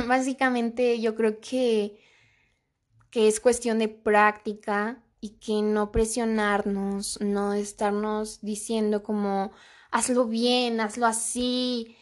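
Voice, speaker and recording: A young woman talking softly and candidly in a personal confessional vlog, reflective and full of fillers. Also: mid-range voice.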